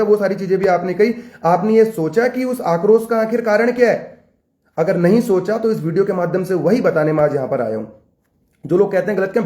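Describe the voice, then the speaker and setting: Fiery young man with a high voice. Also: dark tone, echoey room. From Uttarakhand, India. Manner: fiery, repetitive rallying rhetoric. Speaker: student leader. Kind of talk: impassioned political address to camera.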